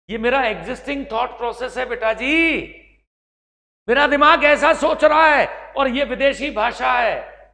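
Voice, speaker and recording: A man from Rajasthan with a Marwari accent teaches an English class emphatically, calling his students like his own children. His high, bright voice has a gravelly edge. The sound rings out with a long echo from the room. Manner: emphatic, calls students "beta". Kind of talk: classroom lecture.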